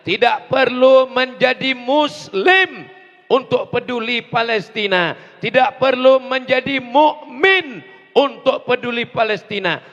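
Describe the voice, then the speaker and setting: A man preaching a fiery rally sermon, slow and emphatic, with call and response, rising to shouts. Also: very high voice, muffled recording. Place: large outdoor rally. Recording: distant echo over crowd loudspeakers.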